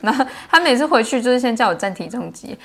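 Fast high-ish woman telling lively stories on a podcast. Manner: animated storytelling, mimics relatives. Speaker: podcast co-host. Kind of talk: casual chat.

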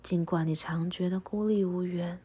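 A woman leading a guided meditation and prayer, speaking softly and calmly, often in a half-whisper. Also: fairly low pitch. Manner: soft, breathy, often half-whispered delivery; slow, calm, instructive.

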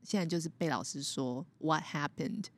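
Female podcast host, low voice, calm probing interviewer, drops English words into her Mandarin. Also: moderate pace. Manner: reflective, gently probing questions, mixes in English words. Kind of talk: casual interview chat.

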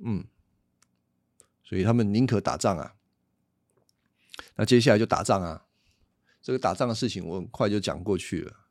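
A man's voice: lowish voice, normal speed, pauses often, a little mellow, dry recording, clean studio sound. Conversational man teaching. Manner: conversational, explanatory, rhetorical questions. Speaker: Bible teacher. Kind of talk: casual Bible teaching podcast.

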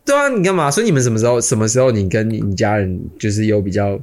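Lively teasing young Taiwanese man. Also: lowish voice, racing. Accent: Taiwanese Mandarin. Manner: teasing, questioning listener. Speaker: podcast co-host. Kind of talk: casual chat.

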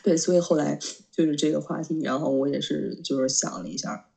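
A woman co-hosting a casual podcast chat, rambling through her thoughts with lots of fillers and quick agreement. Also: deep voice, fairly even intonation, vocal fry, over a noisy crowd. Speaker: podcast co-host.

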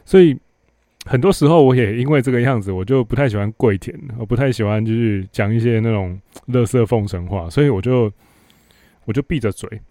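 A man's voice: medium pitch, fairly quick, dark tone, dry recording. A man with a Taiwanese Mandarin accent hosting a podcast, telling a work story in a blunt, sarcastic, casual monologue. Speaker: podcast host.

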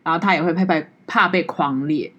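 A woman co-hosting a podcast in casual chat, relaxed and supportive. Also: sits low, brisk, highs cut off. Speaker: podcast co-host.

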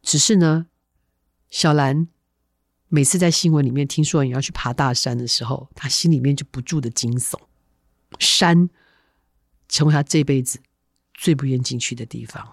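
A middle-aged woman, a podcast host telling a spooky story in a chatty, lively way with asides to her listeners. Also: a bass voice, moderate pace, pauses often, no echo, studio quality.

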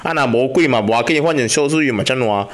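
With a mid-range voice and quick delivery, a male podcast host spins ghost tales in casual, cuss-laden conversation. He's energetic throughout, constantly tossing in "you know?" to check that the audience follows along.

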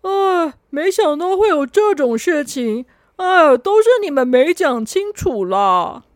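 A woman's voice: sits high, big pitch swings, no echo, studio quality, full character voice. A woman voicing a careless, easygoing guide who drawls and hurries others along. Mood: breezy. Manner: easygoing, drawn-out.

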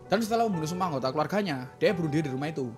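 A man's voice: fairly high pitch, animated, music in the background. A man with an East Javanese accent telling horror stories on a podcast in slangy casual banter. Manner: tells horror tales in rapid slangy banter. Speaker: podcast co-host. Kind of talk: casual storytelling chat.

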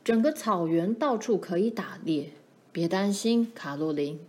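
A woman voicing a protective pioneer father who speaks firmly and gravely to his daughters. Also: fairly low pitch, lively intonation, unhurried, a little mellow. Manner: firm and warning, grows grave.

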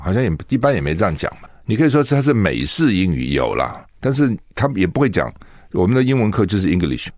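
Low, lively-pitched man from Taiwan, radio host, chatty solo commentary with rhetorical asides, dry studio sound. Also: dry recording. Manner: chatty, asks rhetorical questions, laughs at own stories. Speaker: radio talk show host.

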